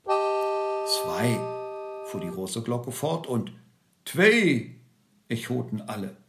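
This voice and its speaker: Man, audiobook storyteller, slow theatrical reading, roomy recording, guitar music behind. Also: expressive, vocal fry. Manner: slow, theatrical, dropping low for dread. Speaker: narrator.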